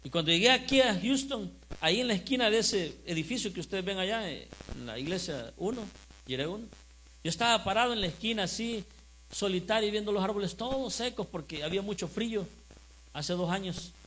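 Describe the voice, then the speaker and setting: A male pastor preaching a sermon in church. He speaks with impassioned fervor, builds to loud emphatic declarations, and keeps asking the congregation questions. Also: high voice, animated, a little fast, a little hiss or hum, rough recording.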